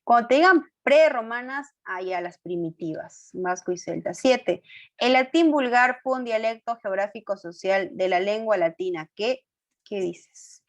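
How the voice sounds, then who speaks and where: In an online class, a woman teacher with an ordinary mid-range pitch works through quiz answers at an unhurried pace. She keeps questioning and coaxing her students toward the answer, confirming with short hums and fillers like "ujú," and pauses to correct her own mistakes aloud, apologizing.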